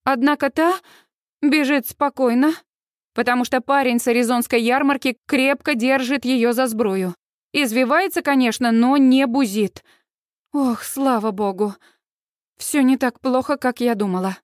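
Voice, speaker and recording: A woman reading a first-person audiobook with lively, expressive narration. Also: high voice, measured pace, no room sound, clean studio sound.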